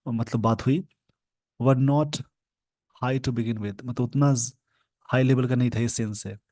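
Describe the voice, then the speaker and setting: A man with an Indian accent teaching English in Hindi, explaining an editorial word by word and slowing down to read the English phrases. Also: medium pitch, fairly even intonation, darkish tone, no echo. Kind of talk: Hindi-language English lesson reading an editorial.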